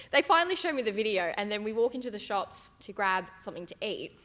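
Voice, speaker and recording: A woman's voice: medium pitch, sing-song, brisk, fairly bright tone. A woman with an Australian accent, a gym staff member telling a story in casual chat. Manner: giggly storyteller. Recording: reverberant room.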